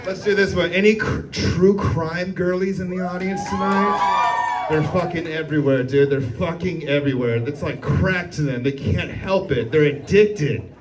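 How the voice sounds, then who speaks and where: A man's voice: a little high, normal speed, noisy background. A young man doing a brash, crude stand-up set on a comedy club stage, chuckling at his own jokes as he works the crowd. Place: comedy club stage before a live audience. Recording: live club recording, a bit far from mic, crowd audible.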